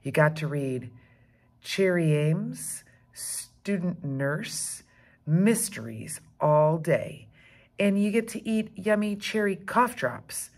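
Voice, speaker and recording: A woman reading a children's chapter book aloud as a teacher, expressive and engaging. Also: lowish voice. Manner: expressive, slow and animated.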